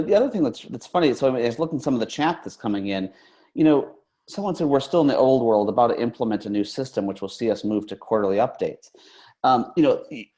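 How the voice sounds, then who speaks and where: A man hosting a live webinar discussion, talking in an energetic, animated, conversational way as he reads audience questions. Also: medium pitch. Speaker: webinar host.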